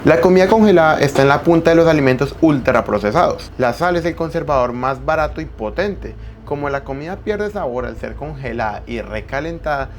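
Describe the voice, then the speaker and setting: A man's voice: a little high, animated, brisk, hardly any pauses. A young man hosts an explainer video, talking emphatically and addressing the viewer directly and formally. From Colombia. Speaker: YouTube host. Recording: faint background music.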